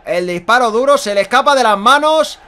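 A man's voice: extremely high pitch, lively intonation, a little fast, bright, forceful tone, clear, resonant tone. A man in his thirties with an accent from Spain gives live Spanish football goal commentary as a fan, emphatic, repetitive and exclaiming. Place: small indoor room at home.

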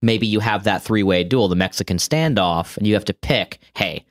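Male podcast co-host, lowish voice, loose and rambling, lots of restarts. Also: normal speed. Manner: rambling, frequent restarts and fillers. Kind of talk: casual gaming podcast chat.

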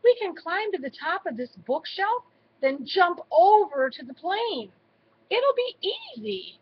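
A woman's voice: very high voice, big pitch swings, unhurried, lo-fi sound, pitched above the performer's own voice, exaggerated voice. A woman voicing an eager, adventurous young female mouse in a storybook reading. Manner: eager, persuasive.

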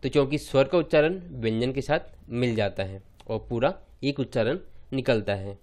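A man's voice: mid-range voice, moderate pace, darkish tone. A man teaching English letter sounds in a phonics lesson, stressing each syllable he sounds out. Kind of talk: slow classroom phonics lesson.

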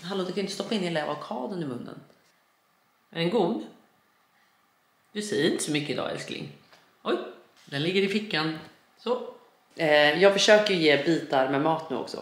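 A woman vlogging at home in a casual chat, animated and blunt, swearing freely and acting out little quoted asides. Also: lowish voice, long pauses. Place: home, indoors. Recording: echoey room, faint background noise.

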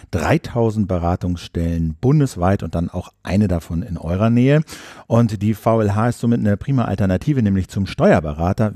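A male podcast host with a lowish, mellow voice. He explains at an even pace, with occasional fillers. The sound is dry and close. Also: no echo. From Germany. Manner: steady explanatory delivery with fillers. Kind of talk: political podcast chat and read ad.

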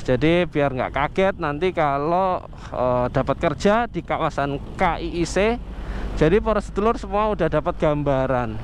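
A man's voice: a little high, animated, moderate pace. Chatty young man riding through traffic. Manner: chatty, addresses viewers warmly as friends. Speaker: motovlogger. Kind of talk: casual narration while riding. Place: on a motorcycle in heavy outdoor traffic. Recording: faint traffic noise behind.

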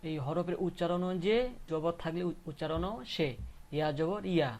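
Man, teacher, slow repetitive drilling, slightly raised pitch, close mic. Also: steady tone, a little mellow. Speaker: Quran reading teacher. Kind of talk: step-by-step recitation lesson.

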